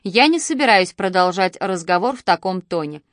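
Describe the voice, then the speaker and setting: A tired, busy middle-aged mother who answers in a flat, matter-of-fact way and waves off her daughter's complaints, as a woman reads her in an audiobook. The voice sits in a middle register. It is recorded close and dry, with no room sound. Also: mid-range voice, normal speed, no echo, close to an everyday voice. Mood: snapping. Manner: matter-of-fact, dismissive, then snapping. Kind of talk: audiobook dialogue.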